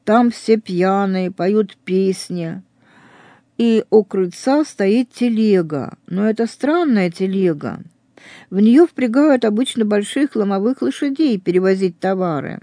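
An earnest storyteller retells a novel, weaving in religious commentary with emphatic stress. The tone is dark and mellow, and the recording is dry and close to the mic. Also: medium pitch, lively intonation, unhurried, no room sound.

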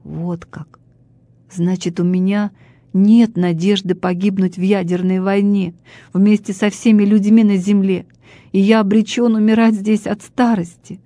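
A woman voicing a frail, bedridden old man who asks slow, probing questions in a storybook reading. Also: mid-range voice, steady tone, warm tone, no echo, natural voice. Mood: resigned.

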